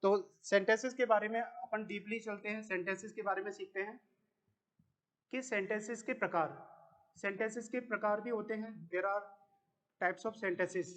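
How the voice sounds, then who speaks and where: A man with a high, steady, fairly bright voice and an Indian accent leads an English lesson in a classroom. He takes things slowly, repeats each word, and raises questions before supplying the answers himself.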